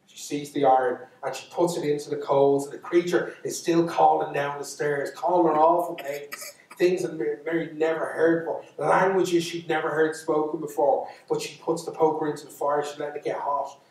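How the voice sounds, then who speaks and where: An Irish man telling a folk tale to a live audience, with dramatic swings between loud and hushed. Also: fairly high pitch, level tone, moderate pace. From Ireland. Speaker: storyteller. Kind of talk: live storytelling lecture. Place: lecture hall. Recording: echoey hall from far off.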